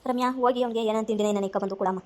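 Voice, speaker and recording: A woman's voice: a little high, steady tone, racing, a little mellow, close to an everyday voice. An actress playing a worried older mother, scolding yet tender as she consoles her grown son in a family drama. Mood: consoling. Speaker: mother-in-law of the wife. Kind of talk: amateur family drama skit.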